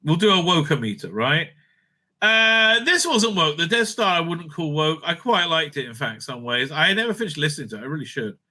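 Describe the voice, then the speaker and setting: A man hosts an off-the-cuff review of audio drama releases, blunt, opinionated and sweary, rambling and repeating words. His voice is a little high and sing-song, brisk, with a bright, forceful tone.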